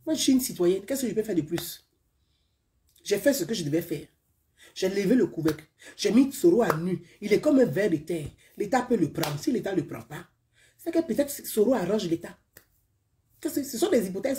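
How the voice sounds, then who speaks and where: A woman from Côte d'Ivoire with an Ivorian French accent, talking to viewers in a casual live-stream monologue, emphatic and repetitive, her sentences often trailing off softly. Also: fairly high pitch. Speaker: live-stream political commentator.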